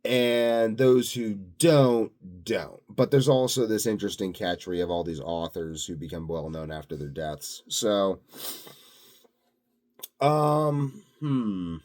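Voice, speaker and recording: Slow and somewhat mellow, this man's fairly low voice carries a self-assured, grandiose vlog ramble. He presents himself as a health and sleep expert, thinking out loud without a script.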